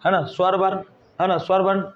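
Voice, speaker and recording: A man's voice: sits high, little pitch movement, brisk. A man teaching a whiteboard grammar lesson, asking the class questions and answering them himself. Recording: dull lo-fi recording.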